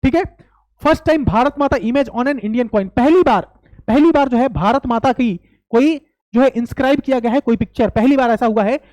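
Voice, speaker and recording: Young male coaching teacher lecturing, high voice, dry close sound, emphatic and repetitive with rhetorical questions. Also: normal speed, darkish tone, no echo, muffled recording. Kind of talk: classroom-style lecture.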